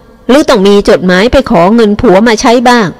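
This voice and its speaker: A woman's voice: fairly high pitch, lively intonation, brisk, big-room sound, natural voice. A woman reading as a stern scolding grandfather. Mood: berating. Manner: loud, lecturing. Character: stern old grandfather, hands on hips, berating.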